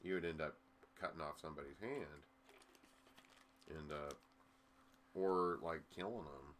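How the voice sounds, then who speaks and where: A man's voice: very deep voice, a little slow, a bit bright, slight background noise. A man co-hosting a casual sports chat, laid-back and rambling, swearing now and then. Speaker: podcast co-host.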